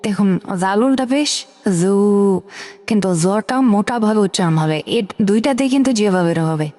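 A woman's voice: mid-range voice, animated, mellow, big-room sound. Patient woman teaching letter sounds. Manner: patient, repeats letter sounds slowly and drills. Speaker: Quran reading teacher. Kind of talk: step-by-step recitation lesson.

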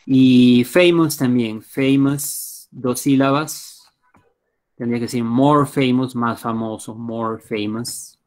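A man's voice: medium pitch, fairly even intonation, slow, darkish tone. Patient Peruvian Spanish male teacher. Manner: patient, explanatory, checks in with students. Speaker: English teacher. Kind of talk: live online class.

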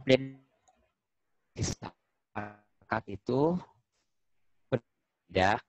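A man's voice: mid-range voice, very slow, no echo, lo-fi sound. A man answering new students' questions in an online orientation. His audio on the video call keeps cutting out and breaking up. He explains patiently, with many fillers and repeats. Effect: choppy audio breaking up over an unstable connection.

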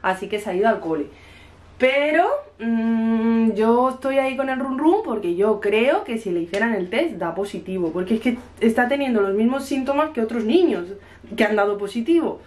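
A woman's voice: a little high, lively intonation, moderate pace, darkish tone. A woman from Spain in her thirties, a mother vlogging casually at home, telling a story and acting out the dialogue, with a cough from a cold. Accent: Spanish from Spain. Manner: chatty storytelling, acts out the dialogue. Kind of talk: casual chat to camera. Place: home kitchen.

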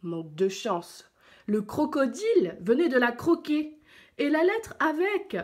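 A woman teacher reading a picture book aloud to young pupils, slow and expressive. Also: high voice.

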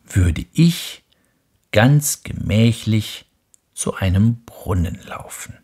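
A man voicing a small, gentle, wondering boy prince in a hushed, breathy bedtime reading. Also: on the low side, lively intonation, slow pace, full character voice. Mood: earnest.

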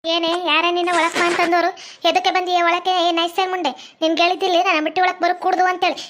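A woman's voice: very high-pitched, flat delivery, very fast, fairly bright tone. A woman playing a harsh, scornful middle-aged mother-in-law in a family skit, with a North Karnataka accent. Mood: scolding. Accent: North Karnataka Kannada. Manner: scornful, scolding, sing-song taunts. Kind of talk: family comedy skit acting.

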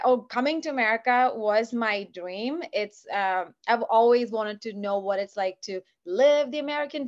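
A woman in her thirties from Kuwait, a podcast guest talking enthusiastically and chattily with many fillers over a video call from a home office. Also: on the high side. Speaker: podcast guest, business founder. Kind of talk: casual interview talk. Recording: dull lo-fi video call audio.

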